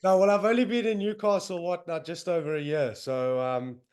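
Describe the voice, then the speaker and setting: A young South African-accented man hosting a podcast speaks in a high, clear, resonant voice that is a little mellow, steady in tone and a little fast. He is on a video call from home in northern England, chatting loosely and enthusiastically with many fillers.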